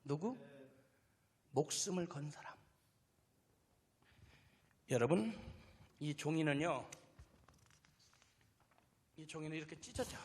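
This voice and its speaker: A man pastor preaching a revival sermon, dramatic, swinging from quiet murmurs to shouts. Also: fairly high pitch, expressive, slow pace, pauses often, breathy edge. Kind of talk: revival sermon with acted story. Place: large church hall. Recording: long hall reverb.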